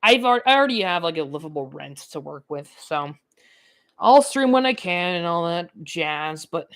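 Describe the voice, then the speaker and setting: A nineteen-year-old gaming YouTuber chats her way through a let's-play, rambling loosely, piling on fillers and slipping into little laughs. Her voice is slightly low for a woman, with a touch of brightness.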